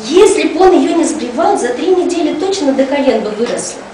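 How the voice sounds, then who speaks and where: Voicing a folksy, talkative school cleaning lady, a woman tells gossipy stories to children in everyday language. Her high voice is expressive, brisk and warm, and the recording is echoey, noisy and distant-miked.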